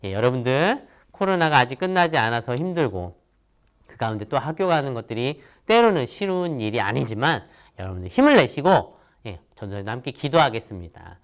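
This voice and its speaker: A man in his thirties giving a children's sermon as a church pastor, animated and acting out little voices. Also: mid-range voice, fairly quick. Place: church, recorded for online worship video.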